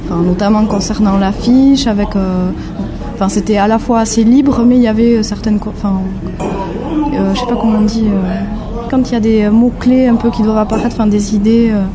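A young woman from the French Basque Country, a graphic designer, answering interview questions in a casual, halting way, often searching for words. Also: mid-range voice, steady tone, music in the background.

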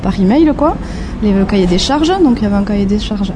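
A young woman from the French Basque Country, a graphic designer, answering interview questions in a casual, halting way, often searching for words. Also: mid-range voice, animated, noisy background.

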